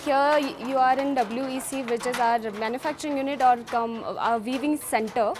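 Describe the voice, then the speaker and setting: A woman's voice: high voice, steady tone, moderate pace, over music. A woman guiding visitors through a weaving center in a welcoming, explanatory way.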